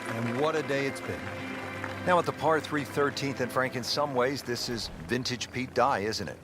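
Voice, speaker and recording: A man's voice: medium pitch, moderate pace, natural voice. A man working as a lead golf commentator, calling play in short, polished lines. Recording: music and crowd behind. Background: music, loud crowd.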